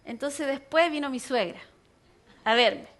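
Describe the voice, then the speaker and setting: A woman pastor, preaching a sermon and telling a personal story in an animated way, acting out other people's voices. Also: high-pitched, unhurried.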